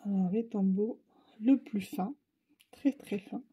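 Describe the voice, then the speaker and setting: Woman, Ch'ti accent, mellow husky voice, chatty craft demo. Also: medium pitch, slow. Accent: Ch'ti (northern France). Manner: chatty, thinks aloud while painting. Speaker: craft channel host. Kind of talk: casual art-supply demo.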